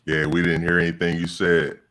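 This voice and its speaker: A man in casual podcast chat over a video call, relaxed and quick with quips. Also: sits low.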